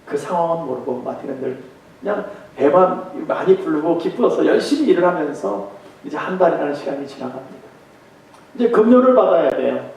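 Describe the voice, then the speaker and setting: A male pastor preaches with emphasis and tells a story to make his point. His voice sits high. The sound comes from far off the mic in a strongly echoing sanctuary. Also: lively intonation, fairly quick, vocal fry. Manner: emphatic preaching, some passages told in a softer tone. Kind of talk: sermon with storytelling. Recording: echoey hall, far from mic.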